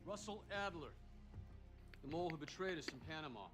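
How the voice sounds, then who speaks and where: An actor playing a calm, formal male intelligence official in a briefing. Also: a little high, a little fast, soft background music.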